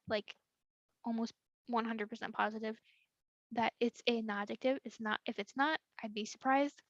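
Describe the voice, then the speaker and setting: A woman's voice: fairly high pitch, no room sound. A young woman explaining a lesson in a casual, hesitant way, full of likes and ums and hedges. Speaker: student tutor. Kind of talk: casual recorded study lesson. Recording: dry, dull lo-fi sound.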